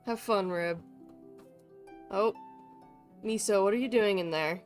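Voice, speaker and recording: A woman with a medium-pitched voice speaks slowly while livestreaming a game. She rambles casually, teasing playfully and swearing now and then, with music playing behind her.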